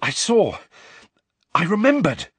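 A man's voice: medium pitch, wildly swooping pitch, slow, dry recording, pitched above the performer's own voice, full character voice. A man voicing an angry, defiant teenage boy who snarls and strains his words. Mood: excited. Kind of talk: audiobook character voice.

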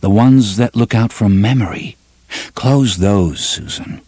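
A calm, soothing young man, as the narrator plays him, speaking low and slowly with a husky grain. The voice stays even and gentle throughout, recorded close and dry. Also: no echo.

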